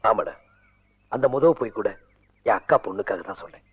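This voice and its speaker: An actor playing a quick-witted village man who fibs his way out of trouble in animated film dialogue. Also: mid-range voice, creaky. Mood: reflective.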